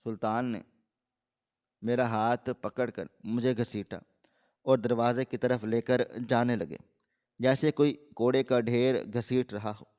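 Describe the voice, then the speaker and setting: A male storyteller reading a first-person drama in a steady, dramatic way. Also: mid-range voice, clean tone, highs cut off.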